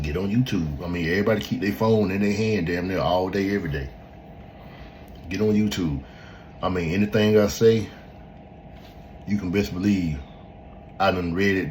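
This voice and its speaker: A man's voice: deep voice, a little mellow, a little hiss or hum, poor audio. A man hosting a podcast, talking in a blunt and emphatic way with casual swearing, giving his opinion in a loose, unscripted chat. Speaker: podcast host. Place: at home in front of a laptop.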